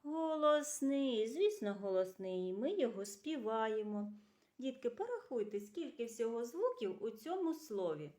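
A woman teaching a literacy lesson to young children, asking questions, praising answers and slowly drawing out sounds and syllables. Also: fairly high pitch, very animated, a little mellow. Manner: slow, clearly drawn-out sounds and syllables, asks questions and praises. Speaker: kindergarten teacher.

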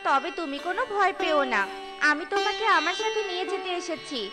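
Woman as tiny, very high, kindly cartoon bird. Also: brisk. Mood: earnest. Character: kind, protective little female bird, sensible and reassuring. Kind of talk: children's cartoon story acting. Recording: music under the voice.

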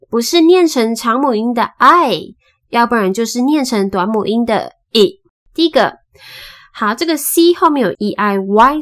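A woman teaching English phonics, patiently spelling out sounds and repeating each word slowly. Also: on the high side, a bit bright. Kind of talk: slow spoken phonics lesson.

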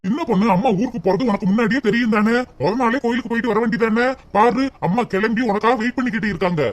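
A man's voice: extremely high pitch, rapid-fire. A man voicing an earnest, naive young husband in a cartoon. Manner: eager, naive. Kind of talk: cartoon voice acting.

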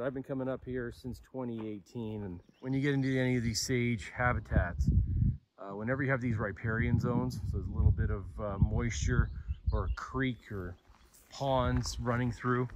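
Man narrating a grassland hike, halting. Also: medium pitch, noisy background. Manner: relaxed, halting, many fillers. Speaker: wildlife photographer. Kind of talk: casual vlog narration while hiking. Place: outdoors in open grassland.

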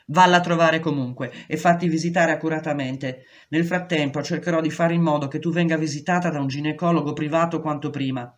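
A woman reading a calm, practical woman lawyer. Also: low-pitched, a little fast, hardly any pauses, natural voice. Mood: reassuring. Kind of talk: audiobook reading.

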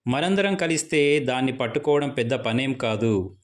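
A man voicing a bold, level-headed young friend in a spoken ghost story, speaking calmly and firmly to reassure the others. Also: medium pitch, moderate pace, lightly acted. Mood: reassuring. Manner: calm, reassuring, firm.

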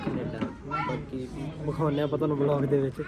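A man's voice: medium pitch, flat delivery, quick pace. A man with a Punjabi accent chatting casually as a vlogger among friends. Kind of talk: casual vlog chat. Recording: crowded, noisy handheld vlog recording.

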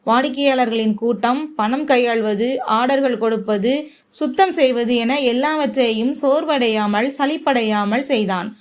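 Woman with a higher voice telling a heartfelt story. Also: a little slow. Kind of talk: first-person story narration.

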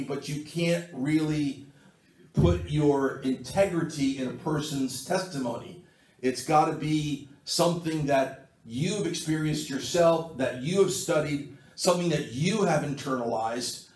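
A man's voice: on the high side, a little mellow. A man preaching a sermon as pastor, in a plain conversational way, and asking his congregation to answer in their minds. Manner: conversational, asks the congregation to respond. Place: church sanctuary. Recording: echoey church, mic at a distance.

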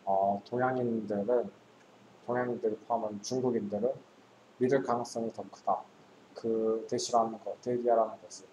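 A man's voice: medium pitch, noisy background. A male student in a tutoring session, hesitantly translating English sentences aloud. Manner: hesitant, working through translations.

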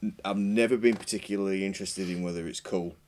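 Low-voiced bloke in his 40s, rambling and self-deprecating, small podcast studio on a boom mic. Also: fairly even intonation, fast talker, a little mellow, slight background noise. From Yorkshire, England. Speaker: band member guest. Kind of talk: casual chat. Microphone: boom mic with headphones.

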